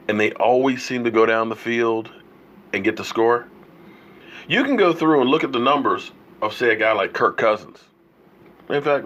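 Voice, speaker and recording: Here a man hosts a sports opinion stream despite having a cold, pressing his points forcefully and asking question after rhetorical question. The voice is mid-range, and the sound quality is lo-fi.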